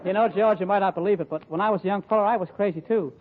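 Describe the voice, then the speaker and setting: A jovial, folksy sidekick, as an actor plays him in an old radio comedy, pitched fairly high. The sound is tinny and phone-like, with clear hiss. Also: male voice, racing, crowd noise, close to an everyday voice. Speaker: comic sidekick.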